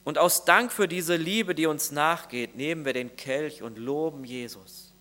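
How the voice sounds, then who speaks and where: A man's voice: fairly high pitch, measured pace, pushed and bright. A man preaching a sermon as pastor, earnest and speaking straight to each listener. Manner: earnest, addresses listeners directly.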